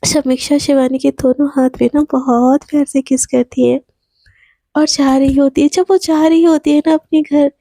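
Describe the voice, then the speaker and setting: A woman's voice: high-pitched, level tone, normal speed, mellow, dry recording. A woman telling a love story in a chatty, casual way, sprinkling fillers. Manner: chatty, heavy use of filler "na".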